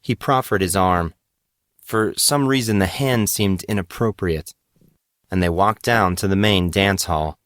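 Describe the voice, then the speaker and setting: Reading from a script, a low-voiced man tells a piece of fiction in a measured, dramatic way. His tone is a bit bright, and the audio is dry with no room sound.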